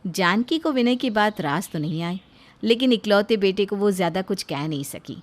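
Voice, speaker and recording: A woman narrating a moral story in a steady, plain storytelling manner. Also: mid-range voice, moderate pace.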